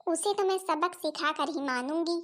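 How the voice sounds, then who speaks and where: A scheming, shrewish aunt in a cartoon, played by a woman, scolding and sarcastic in a very high, shrill voice. Her Awadhi accent colors every sharp remark. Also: normal speed. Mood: plotting. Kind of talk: cartoon voice acting.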